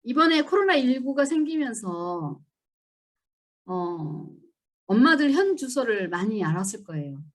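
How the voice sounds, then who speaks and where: A woman giving a church seminar lecture, telling stories and acting out scolding lines in an animated way. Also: fairly high pitch, unhurried. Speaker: seminar speaker.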